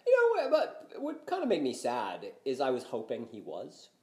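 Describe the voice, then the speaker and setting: Older man, casual basketball podcast talk, rambling, animated pitch, echoey room. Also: moderate pace. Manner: rambling, many fillers and restarts. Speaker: podcast co-host. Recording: roomy echo.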